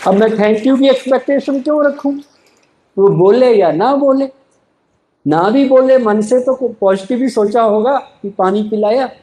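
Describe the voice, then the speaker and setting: A man's voice: extremely high pitch, a little slow, warm tone, roomy sound, poor audio. A man giving a motivational spiritual talk to a live audience, often asking rhetorical questions and answering them himself. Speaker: spiritual speaker.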